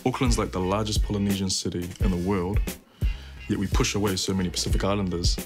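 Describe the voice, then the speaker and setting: A man from New Zealand working as a reporter, asking interview questions in a brisk, slangy way. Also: sits low, fairly even intonation, music in the background. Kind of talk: casual interview.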